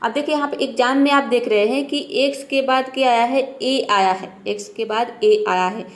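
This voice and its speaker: A woman with a fairly high voice gives a spoken English pronunciation lesson. She talks patiently, poses a question and then answers it herself, and repeats each example word slowly. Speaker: English teacher.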